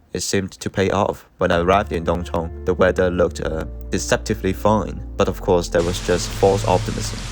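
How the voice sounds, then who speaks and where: Music plays clearly behind a man with a deep, low voice. He narrates a trail running vlog from a script, keeping a measured and matter-of-fact delivery.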